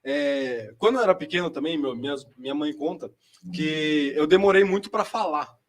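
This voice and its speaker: A man's voice: a little high, normal speed. A young man with a Brazilian Portuguese accent telling a personal testimony in a chatty, slangy way. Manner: chatty and slangy, lots of fillers. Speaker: seminarian giving a vocation testimony. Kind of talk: casual personal storytelling.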